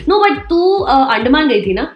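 A woman's voice: sits high, big pitch swings, very fast, echoey room. A woman with an Indian accent co-hosting a casual chat, joking and switching between English and Hindi. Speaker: podcast co-host.

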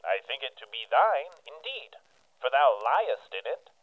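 An actor playing a witty young prince in old-time radio drama style, speaking verse theatrically, on a tinny recording. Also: male voice, medium pitch, big pitch swings, measured pace. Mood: amused.

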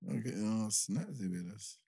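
A man's voice: on the low side, lively intonation, moderate pace, vocal fry, warm tone, slightly rough, no echo, studio quality. A man with a London roadman accent hosting in casual street slang, often repeating his words. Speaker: show host.

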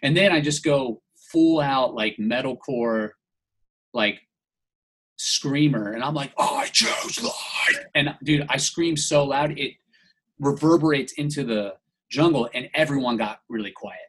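A man's voice: medium pitch, unhurried, slightly rough, rough recording. A man from the United States telling a rambling story in casual podcast chat, filling nearly every phrase with "like". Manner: rambling, heavy use of "like", restarts.

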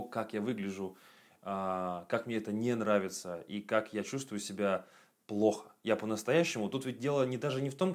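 A man in his late twenties giving a casual self-improvement monologue for his video channel, blunt and profane, with frequent fillers. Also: fairly low pitch. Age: 20s. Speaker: video blogger.

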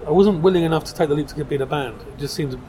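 A man's voice: on the high side, very fast. South London man chatting in a busy pub. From South London, England. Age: middle-aged. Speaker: podcast guest, designer. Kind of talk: casual pub interview chat. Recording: busy crowd chatter behind.

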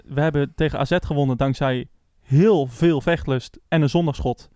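Halting man, dry sound. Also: fairly high pitch, steady tone, a little mellow, clear, resonant tone, no room sound. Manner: halting, many restarts and fillers. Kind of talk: casual chat.

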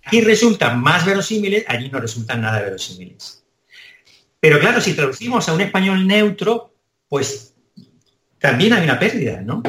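A man's voice: a little high, sing-song, normal speed, fairly bright tone. Spanish man speaking thoughtfully in echoey room. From Spain. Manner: thoughtful, hesitant restarts. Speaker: translation professor, guest. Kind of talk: conversational interview.

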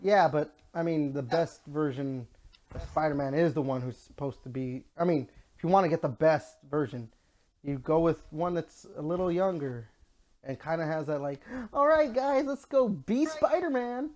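A man's voice: a little high, steady tone, normal speed, darkish tone. A young man in casual podcast chat, enthusiastic and joking as he gushes about movies. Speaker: podcast co-host.

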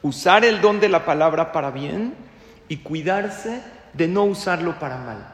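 A man giving a sermon as a rabbi, animated and joking, firing rhetorical questions at his audience. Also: a little high, measured pace. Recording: echoey hall.

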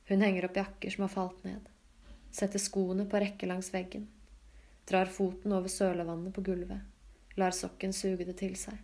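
A woman reading literary fiction aloud in a calm, even, low-key way. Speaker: audiobook reader. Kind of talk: scripted literary narration.

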